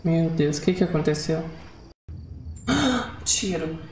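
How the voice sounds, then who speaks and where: Brazilian man, excitable reaction host, gasping and exclaiming, roomy echo. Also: high-pitched, measured pace, very noisy. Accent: Brazilian Portuguese. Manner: excitable, gasps and exclaims at scenes. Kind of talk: TV episode reaction commentary.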